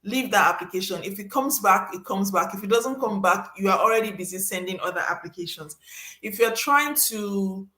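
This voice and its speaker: A woman hosting a casual advice talk, emphatic and animated, acting out little scenes with sudden high voices. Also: fairly quick, roomy sound. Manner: emphatic, repeats for stress. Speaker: host giving career advice.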